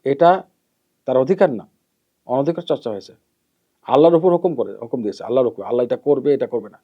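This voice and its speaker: A man giving a measured hadith lesson as an Islamic preacher, repeating key terms and letting his phrases trail off softly. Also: mid-range voice. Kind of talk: hadith lesson, explaining and admonishing. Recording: dull lo-fi recording.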